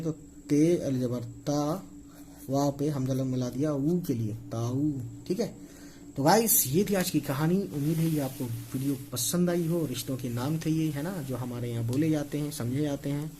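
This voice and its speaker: Over poor audio with a little hiss or hum, a man whose dark voice sits on the high side gives an informal lesson in writing Urdu words. He takes it slowly, spelling each one letter by letter, with frequent "okay"s to check in.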